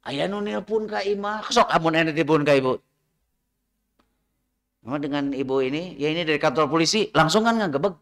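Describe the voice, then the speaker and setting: Sundanese guy, middle aged, preaching but mostly telling stories, kinda high voice, chatty. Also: lively intonation, a little fast, long pauses. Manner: chatty anecdotes, slipping between Indonesian and Sundanese. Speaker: Islamic lecturer. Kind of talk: weekly religious study talk with storytelling.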